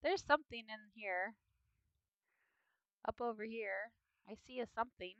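A woman's voice: on the high side, unhurried, a bit bright, clear, resonant tone, no echo, lo-fi sound. A young woman with a sniffly nose giving chatty, playful commentary on a video game at home, now and then breaking into bits of song. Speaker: gaming video host. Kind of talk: casual gameplay commentary.

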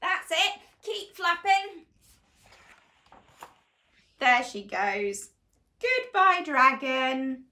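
Sitting on a sofa in a small living room, a young woman with a high, bright voice reads a story to little children. She goes very slowly and deliberately, with exaggerated expression and wide pitch swings that invite her listeners to join in on the animated read-along.

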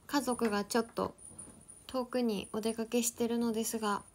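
A young woman with a high voice talks at an easy, leisurely pace. She chats casually with her stream viewers from her family home. She keeps softly coaxing her dogs to settle down. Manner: chatty, reads out viewer comments and coos softly at her dogs. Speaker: livestream host. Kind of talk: casual livestream chat.

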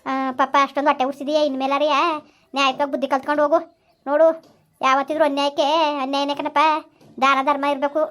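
A woman's voice: high-pitched, little pitch movement, fast, pauses often. A woman doing a scolding old village aunt. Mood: lecturing. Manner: scolding, lecturing, sharp-tongued. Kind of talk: village comedy skit.

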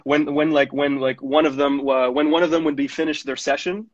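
A man's voice: a little high, steady tone, a little fast, dry recording. A young man, a music producer telling stories in a casual radio interview, rambling and slangy with lots of fillers. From Montreal, Canada. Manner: rambling, laid-back slang-heavy storytelling with lots of fillers. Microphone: studio mic. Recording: dull lo-fi radio studio.

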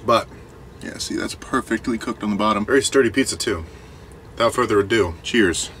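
A man's voice: on the low side, fairly quick, fairly bright tone. Young man chatting while cooking in a van. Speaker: vlogger. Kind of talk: casual cooking vlog. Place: small kitchen inside a camper van. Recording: noisy camper van recording.

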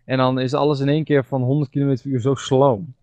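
A man's voice: medium pitch, flat delivery, fast talker, darkish tone, no room sound. A young man chatting casually while gaming, rambling through stories and laughing often. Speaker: gamer.

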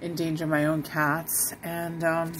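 A woman with a low, monotone, unhurried voice chats casually at home to a kitten she's fostering, filming on her phone for a vlog. She swears freely, coos, and sings silly songs to it; the recording is very noisy.

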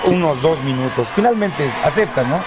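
A man's voice: on the high side, lively intonation, normal speed. A man with a Mexican accent calling lucha libre play-by-play as a wrestling commentator. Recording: noisy old TV broadcast, crowd roaring behind. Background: loud arena crowd.

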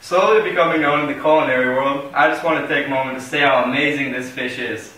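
A man's voice: medium pitch, fairly even intonation, fast, bright, forceful tone. A young man playing an enthusiastic, showy cook in a playful mock cooking show, recorded from across a home kitchen. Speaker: co-host cook. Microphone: far camera mic. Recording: echoey kitchen from far off, clear noise.

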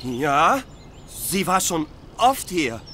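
A man's voice: a little high, big pitch swings, very slow, sharp tone, a little hiss or hum, full character voice. A man playing a childlike, simple-minded ruin dweller in a video game, talking in a naive, hesitant way. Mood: innocent wonder.

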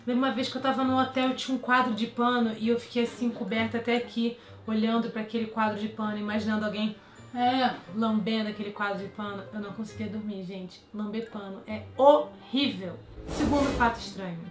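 A woman's voice: a little high, fairly even intonation, a little fast. Chatty Brazilian woman vlogger. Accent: Brazilian Portuguese. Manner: chatty, playful, addresses viewers directly. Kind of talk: casual vlog chat. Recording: echoey room with faint music.

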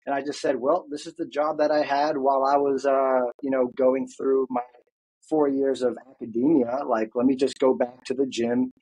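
A man in his thirties speaks as a guest over a video call, headphones on. His voice has a husky edge, and he recounts his path earnestly and thoughtfully, filling pauses with small fillers. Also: medium pitch, flat delivery, dark tone, rough recording. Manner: earnest, reflective storytelling with frequent fillers. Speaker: guest, fitness coach. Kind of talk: casual interview. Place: home office, indoors.

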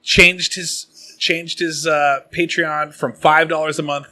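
A man in his late thirties from the Pacific Northwest, hosting a casual podcast and rambling through sponsor and supporter shout-outs. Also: a little high, flat delivery, takes it slowly. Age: late 30s. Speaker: podcast host.

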